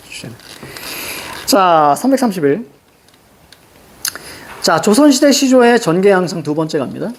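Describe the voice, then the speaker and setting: A literature teacher giving a classroom lecture, reciting poem lines in a sing-song lilt and checking in with students through short questions and casual asides. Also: mid-range voice.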